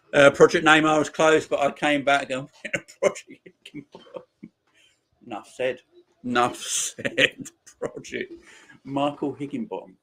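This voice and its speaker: A forty-year-old man hosting a football watchalong stream, chatting easily with his viewers. His talk is relaxed and slangy, and he laughs often between his lines. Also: medium pitch. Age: 40s. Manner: laid-back banter, laughs often, slangy. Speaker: livestream host. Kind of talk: casual chat reading viewer comments.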